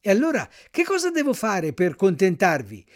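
Man doing a wooden puppet boy, high-pitched, petulant, mocking, storybook reading. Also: wildly swooping pitch, normal speed. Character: cheeky wooden puppet boy, quick-tempered.

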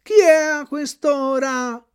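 A man voicing an unhurried, placid snail who speaks slowly and calmly. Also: very high-pitched, voice pushed up. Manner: slow, placid, drawn-out. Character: slow, calm old snail, unhurried.

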